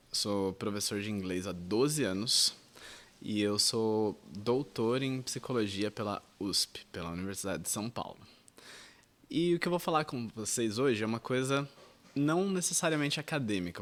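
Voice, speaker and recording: A man in his thirties from Brazil with a Brazilian Portuguese accent, an English teacher explaining things in an educational video lesson, conversational and addressing the viewer directly. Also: mid-range voice.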